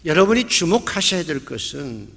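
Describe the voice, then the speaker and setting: A man's voice: a little high, sing-song, moderate pace, creaky, a bit bright. A male pastor preaching a sermon, telling a story vividly and acting out the quoted lines. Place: church sanctuary. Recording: long church hall reverb.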